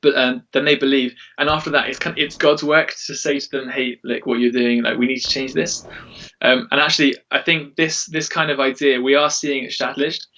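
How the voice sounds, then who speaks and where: A man's voice: medium pitch, fairly even intonation, fairly quick, sharp tone. A man speaking casually and earnestly in an interview as a church worship leader, in an informal way. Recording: dull, distant-mic recording.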